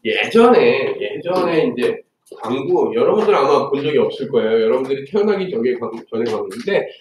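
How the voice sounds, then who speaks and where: A man's voice: medium pitch, sing-song, brisk. A man teaching math to children, telling playful stories and asking lots of questions. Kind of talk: classroom lesson for children. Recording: echoey room, distant mic, faint noise.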